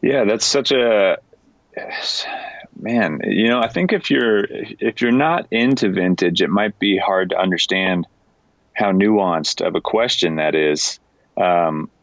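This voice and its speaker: Deep-voiced American man, relaxed and thoughtful. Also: takes it slowly, no room sound, dull audio. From United States. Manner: relaxed, thoughtful, trailing restarts. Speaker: leatherworker, guest. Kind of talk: casual conversation.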